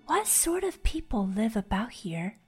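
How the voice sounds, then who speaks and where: Woman playing a timid polite young girl, high careful questions, slightly husky, storybook reading, faint music behind. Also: big pitch swings, unhurried, exaggerated voice.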